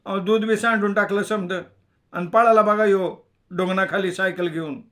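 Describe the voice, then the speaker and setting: Man doing a rustic milkman, raised high voice, complaining, storybook. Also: fairly even intonation, normal speed, sharp tone. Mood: upset. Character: agitated village milkman, rustic.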